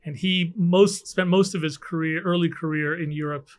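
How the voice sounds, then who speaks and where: The voice is fairly high and steady at an ordinary pace: a middle-aged Canadian man, a guest scientist, in a casual interview. He hesitates a lot, filling gaps and restarting sentences, while air conditioning hums in the office around him.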